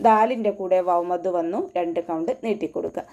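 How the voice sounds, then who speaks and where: A woman's voice: on the low side, dark tone, muffled recording. A woman teaching an online recitation class, patiently explaining each sound step by step. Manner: patient step-by-step instruction with slow chanted recitation.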